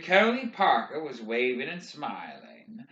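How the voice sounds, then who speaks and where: A man reading a novel aloud in expressive, measured audiobook narration. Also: mid-range voice. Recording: roomy, dull lo-fi recording.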